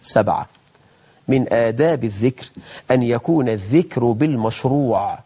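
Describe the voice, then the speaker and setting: A middle-aged man with an Egyptian accent hosting a religious TV lesson, talking in lively colloquial speech, slowing down to recite verses solemnly. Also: mid-range voice, husky. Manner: lively, mock-imitates people, then slows for solemn recitation. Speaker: TV religious program host, sheikh.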